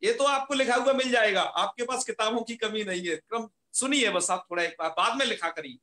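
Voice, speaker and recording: Male teacher, high and bright, patient explainer who repeats terms and quizzes himself aloud, echoey room. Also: a little fast. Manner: patient, repeats key terms and asks rhetorical questions. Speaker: Sanskrit grammar teacher. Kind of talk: online class lecture.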